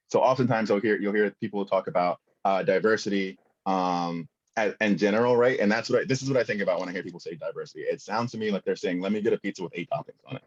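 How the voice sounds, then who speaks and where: A man's voice: deep voice, lo-fi sound. A young man presenting a conference workshop, talking casually with many fillers and asking the audience questions.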